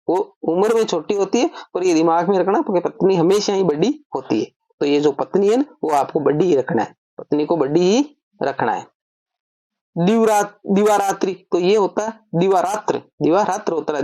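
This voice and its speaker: A woman's voice: fairly low pitch, warm tone, no echo. A woman teaching an online grammar lesson, explaining step by step and asking and answering her own questions.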